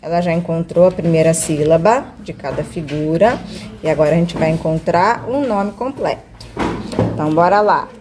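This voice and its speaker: A woman's voice: on the low side, normal speed, noisy background. A woman teacher guiding a child through a reading lesson, patiently coaxing and stretching out syllables. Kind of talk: one-on-one literacy lesson.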